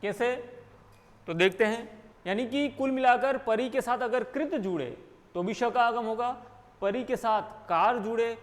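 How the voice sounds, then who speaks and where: A man with a Rajasthani accent gives a Hindi grammar lesson in a high voice, speaking a little slowly. He goes through each rule step by step, asking questions and answering them himself, while a long, reverberant echo follows his words.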